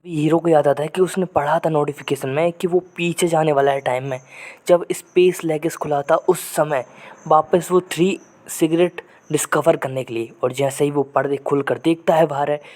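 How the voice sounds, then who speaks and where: A man's voice: on the high side, darkish tone. A man casually recapping a comic story, often mixing English words into his Hindi speech and rephrasing things as he explains them. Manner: chatty, keeps rephrasing and explaining himself. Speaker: manhwa recap narrator.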